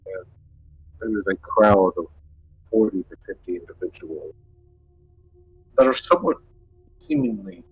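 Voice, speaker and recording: A man running a tabletop game as game master, narrating slowly in halting bursts while his audio cuts in and out over a bad connection. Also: sits low, wildly swooping pitch, creaky, a little hiss or hum, poor audio. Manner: halting, slow scene-setting with long pauses. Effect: bad connection, audio cutting in and out. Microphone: headset or desk mic on a voice call.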